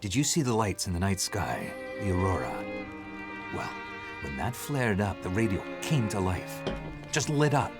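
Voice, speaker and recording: A gruff old hermit in a video game, his very deep voice gravelly and rising and falling a lot as he lays out his plans. He talks in a measured, patient way, with game music playing behind him. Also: sing-song. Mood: gruff, explaining.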